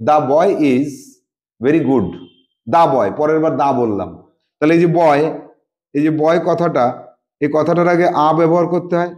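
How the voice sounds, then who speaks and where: A man with a fairly high voice walks students through a grammar worksheet. He repeats key words and reads each English example slowly, step by step. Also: a little mellow.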